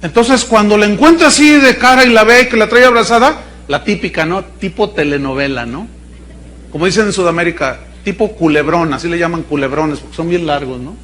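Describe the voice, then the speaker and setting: A man's voice: high voice, fairly quick, fairly bright tone. A man with a Mexican accent preaching a sermon in a chatty, storytelling way, often checking in with his listeners. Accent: Mexican Spanish.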